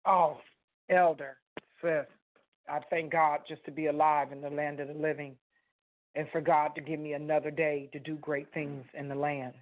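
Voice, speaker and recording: A woman's voice: low voice, flat delivery, normal speed. Woman co-host, faith radio; fervent and exuberant, heard over a phone line.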